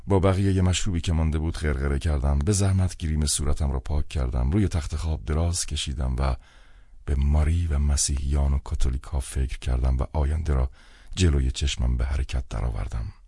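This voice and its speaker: A man reads a literary novel aloud in a measured, wry first-person manner. His voice is extremely deep. The recording is dry and close, with no room sound. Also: mellow, breathy edge, no echo. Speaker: audiobook narrator. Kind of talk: literary audiobook narration.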